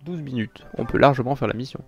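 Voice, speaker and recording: A man's voice: mid-range voice, quick pace, gravelly, a little mellow, muffled recording. A man giving casual, chatty commentary while he plays a video game, muttering and correcting himself as he goes. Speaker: gaming video host. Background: faint game music.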